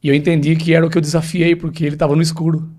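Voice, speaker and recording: A man's voice: on the high side, little pitch movement, very fast, a little mellow. A man, a pastor telling a personal testimony in a podcast interview, emphatic and often addressing the host directly.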